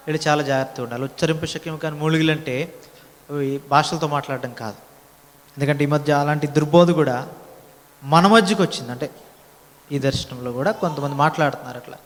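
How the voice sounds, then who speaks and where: A man's voice: sits high, fairly bright tone. A man preaching a sermon at a prayer meeting, swelling into emphatic lines and asking the listeners questions. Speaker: pastor. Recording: long hall reverb.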